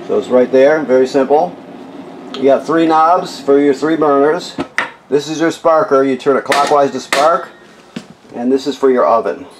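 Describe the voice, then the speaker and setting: There's noise in the background as a man with a mid-range voice leads an informal product tour in and around a travel trailer. He's an RV walkthrough technician, describing features plainly and often pausing to make sure he's followed.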